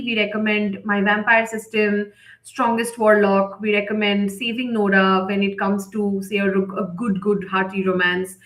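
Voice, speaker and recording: This woman's voice is a little high and a bit bright as she walks viewers through a live webinar step by step. Speaking conversationally in an echoey room, she keeps tacking on "right?" or "okay?" to check in.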